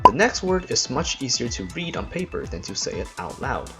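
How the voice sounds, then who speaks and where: A man's voice: medium pitch, very animated, a little fast, over loud music. A man explaining English test pronunciation rules in a scripted lesson, with dry jokey asides.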